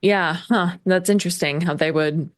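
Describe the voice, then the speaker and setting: A woman co-hosting a podcast, reacting in casual chat with short, unhurried remarks. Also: fairly low pitch. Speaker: podcast co-host.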